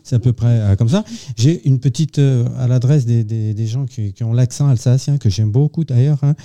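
A man's voice: medium pitch, moderate pace, warm tone. A man hosting a radio interview, joking and teasing his guests. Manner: jovial, teasing questions. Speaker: radio host. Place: radio studio.

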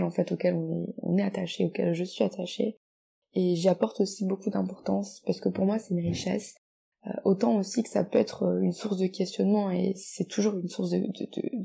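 A woman's voice: mid-range voice, vocal fry, mellow, slightly rough. A woman in her twenties from France, reading her own reflective text and then speaking as a guest with hesitant restarts. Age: 20s. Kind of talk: reading own poetic text, then casual interview talk.

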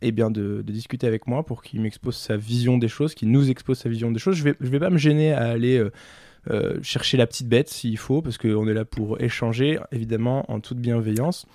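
A man's voice: mid-range voice, brisk, mellow, no room sound, clean studio sound. A man hosting a podcast interview, friendly and hesitant with many fillers. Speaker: podcast host. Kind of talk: conversational interview.

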